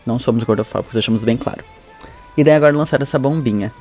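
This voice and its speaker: A man's voice: medium pitch, very fast, darkish tone, soft background music. A man with a Brazilian Portuguese accent co-hosting a podcast, chatting in a gossipy, blunt and campy way. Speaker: podcast co-host. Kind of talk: casual podcast chat.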